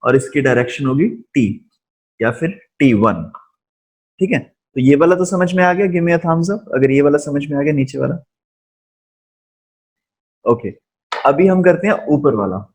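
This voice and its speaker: A man teaching physics in a live online class, speaking deliberately slowly and often checking in with his students. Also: fairly high pitch, animated, darkish tone. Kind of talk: live online lesson, mixing Hindi and English.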